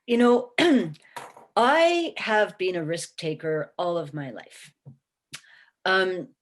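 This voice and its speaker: Over a video call with a little hiss or hum, a woman in her sixties who owns a small business speaks as a webinar panelist. Her lowish voice is slow, with lively intonation, and she sounds emphatic and encouraging, frequently checking in with "okay?"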